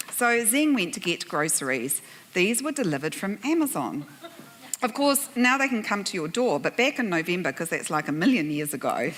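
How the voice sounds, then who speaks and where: A woman with a lowish, slightly bright voice and a New Zealand accent is moderating a conference panel. In the plenary room, she tells the audience a self-deprecating, funny story, laughing often.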